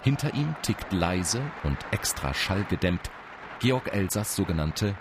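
A man's voice: sits low, lively intonation, unhurried, noisy background. A man reading a scripted documentary narration in a sober, factual manner.

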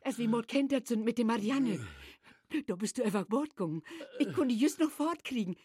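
A husky old northern wife. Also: female voice, on the high side, animated, brisk, mellow, dry recording, clean studio sound. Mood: soothing. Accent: northern German, Low German-tinged. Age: older. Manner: blunt, scolding and tender by turns. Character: elderly northern wife caring for her husband, stubborn and worn out.

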